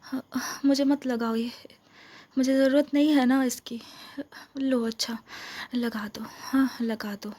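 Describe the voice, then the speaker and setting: In gentle protest, a woman plays a possessive, scheming vampire girlfriend for romantic ASMR, her high, breathy, soft Indian-accented voice often fading to a whisper. She speaks slowly and keeps her melody very even. Intimate and coaxing, she lingers tenderly on phrases she repeats.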